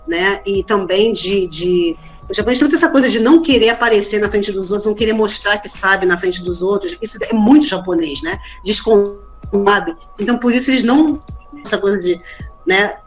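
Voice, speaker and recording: A woman from Brazil, a podcast guest, chatting casually and telling stories with lots of tag questions. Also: medium pitch. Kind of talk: casual interview chat.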